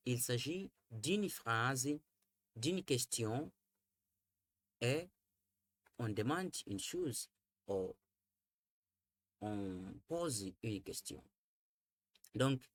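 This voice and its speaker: A man teaching a French lesson, explaining slowly and repeating each point in two languages. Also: mid-range voice.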